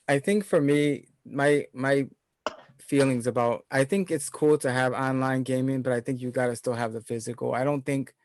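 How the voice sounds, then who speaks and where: A man's voice: mid-range voice, fairly even intonation, moderate pace, darkish tone, dry recording. A man in his thirties chatting casually on a group video call, rambling and laughing often. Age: 30s. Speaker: podcast panelist.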